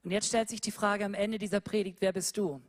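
A preacher giving a sermon, repeating rhetorical questions and moving between loud emphatic lines and quiet low ones. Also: steady tone, brisk.

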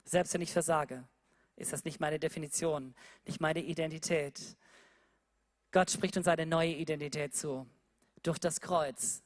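A preacher giving a sermon, repeating rhetorical questions and moving between loud emphatic lines and quiet low ones. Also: fairly even intonation, measured pace.

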